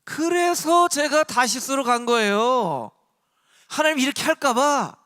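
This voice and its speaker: A preacher acting out an indignant complaining prophet. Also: male voice, very high-pitched, lively intonation, measured pace, sharp tone, long reverb tail, voice pushed up, heavily acted. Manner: sulky, protesting, raised voice.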